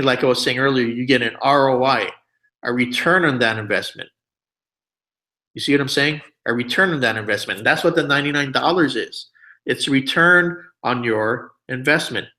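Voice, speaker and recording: A man hosting a webinar and giving a persuasive sales pitch, often checking in with his audience. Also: bright, forceful tone, poor audio. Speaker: webinar host.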